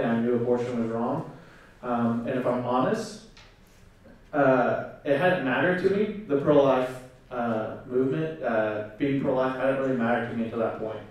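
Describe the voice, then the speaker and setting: This is a man in his twenties, originally from South Korea and raised in Oklahoma, offering an earnest personal testimony at a conference. Holding a handheld mic on stage in a big, echoey hall, he pauses often and uses frequent fillers; his medium-pitched, darkish voice is far from the recording mic.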